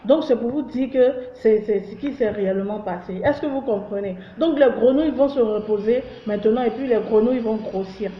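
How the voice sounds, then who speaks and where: A woman's voice: on the high side, a little fast, hardly any pauses, a little hiss or hum. A woman hosting a comedy joke-news vlog, chatty and teasing with lots of fillers. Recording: roomy, dull lo-fi.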